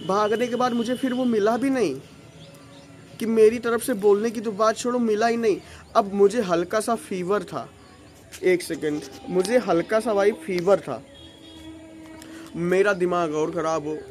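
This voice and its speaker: A male vlogger telling a story in a casual, animated, emotional way, full of slang and swearing. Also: high-pitched, measured pace, faint music behind.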